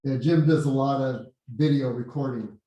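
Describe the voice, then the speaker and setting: A man hosts a meeting in a casual, halting way and often repeats a word before going on. His mellow voice booms back with a hollow echo, like a cave. He sits well back from the computer mic in a very reverberant meeting room. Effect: hollow cave-like echo, as if speaking in a hole. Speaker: meeting host. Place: meeting room with windows and blinds. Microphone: computer mic set back from the speaker. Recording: very echoey room, far from the mic.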